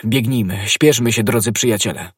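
A man's voice: mid-range voice, moderate pace, dry recording, studio quality, natural voice. A man voicing a young, hot-blooded musketeer who speaks urgently and emphatically. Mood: earnest.

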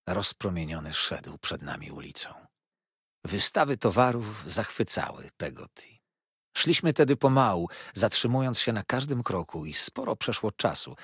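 Husky, low-voiced male narrator. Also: fairly bright tone, no room sound, studio quality. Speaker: audiobook narrator. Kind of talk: scripted novel narration.

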